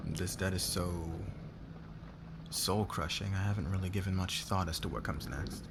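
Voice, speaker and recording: In an intimate ASMR roleplay, a man plays a demanding, guarded noble boss burdened by debt, speaking haltingly and sighing in a weary, confiding mood. His voice sits low and creaky against a noisy background.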